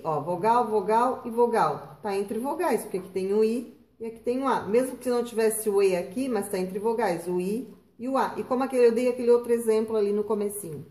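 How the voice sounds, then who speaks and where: A woman teaching children a spelling lesson, patient and slow, drawing out words and checking in with "tá?" and "né?". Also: mid-range voice, warm tone. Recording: echoey room.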